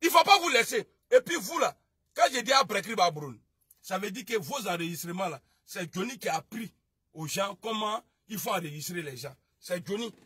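A man with an Ivorian French accent ranting on a political livestream, scolding and shouting, then dropping to low mutters. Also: lively intonation, moderate pace, slightly rough, no echo, clean studio sound. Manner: shouting, scolding, swings between loud outbursts and low muttering. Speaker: online video commentator. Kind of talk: heated political livestream rant.

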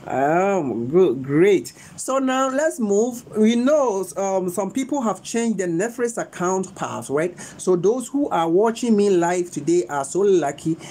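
A young Ghanaian man with a Ghanaian English accent hosts a livestream phone tutorial indoors on his front camera, speaking slowly, repeating himself and pleading with viewers to stay. His voice is high-pitched and a little mellow with lively intonation, and the audio is poor.

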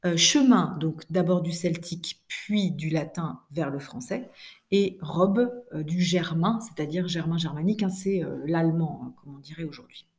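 A woman's voice: deep voice, moderate pace, darkish tone. A woman teacher correcting exercises in a recorded lesson, explaining patiently with many fillers and restarts. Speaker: French teacher.

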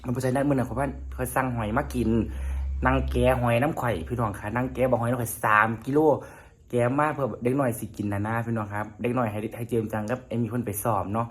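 This man talks fast at a medium pitch with fairly even intonation and an Isan accent from northeastern Thailand. In his rambling, casual vlog he keeps addressing viewers as if they were friends.

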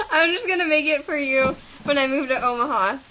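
A woman's voice: sits high, bright, forceful tone, a little hiss or hum, low-quality recording. A teenage girl co-hosting a silly homemade cooking video, bubbly and teasing, recorded on a laptop webcam in a home kitchen. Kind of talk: playful casual chat. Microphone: laptop webcam mic.

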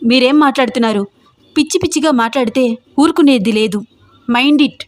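A woman voicing an indignant young pregnant wife who snaps back quickly and sharply. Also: mid-range voice, no room sound, natural voice. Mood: indignant, angry.

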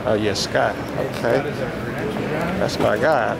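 A man filming backstage at a boxing event, excitedly cheering people on with repeated slang. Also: mid-range voice, slow pace, creaky, heavy background noise. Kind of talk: casual hype chat.

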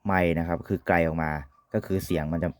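A man's voice: sits low, level tone, fast, no echo, studio quality. A man giving an informal, polite product demonstration as an equipment reviewer, often ending phrases with courtesy particles.

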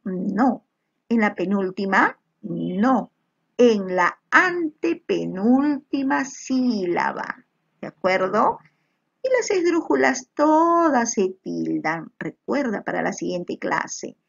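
A woman's voice: mid-range voice, sing-song, slow, creaky, husky, lo-fi sound. A woman teaching young children a spelling lesson over slides, patient and encouraging, checking often that they follow. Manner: addresses pupils as little children. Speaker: primary school teacher.

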